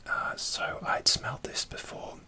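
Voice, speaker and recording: Speaking entirely in a breathy, unvoiced whisper, a middle-aged ASMR creator chats softly and informally at an unhurried pace.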